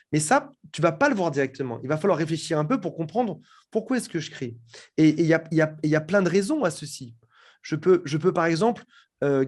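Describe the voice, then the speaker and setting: A man speaking as an interview guest, explaining in a lively way and often repeating words as he thinks. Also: fairly high pitch.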